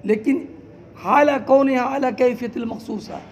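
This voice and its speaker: A man teaching a class, explaining slowly term by term, asking his students question after question and calling them "beta". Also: very high-pitched, highs cut off, slight background noise. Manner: quizzes students with repeated questions; addresses listeners as "beta". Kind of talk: classroom lecture.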